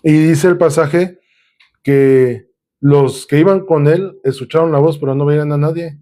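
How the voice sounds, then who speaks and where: Mellow-voiced male pastor preaching. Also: a little high, steady tone, a little slow. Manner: conversational Bible teaching, reading verses aloud and paraphrasing them; frequent filler sounds and restarts. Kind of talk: sermon.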